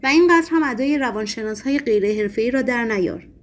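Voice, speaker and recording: A woman's voice: a little high, lively intonation, a little hiss or hum, lightly acted. A woman voicing an irritable young male poet in a storybook reading, blunt and exasperated.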